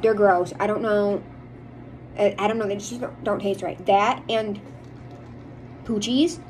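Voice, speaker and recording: A mid-range, slightly mellow female voice moves a little slowly with fairly even intonation, over low-quality audio with a touch of hiss or hum. The speaker is an American vlogger chatting casually and ramblingly to viewers, firm about what she likes and doesn't.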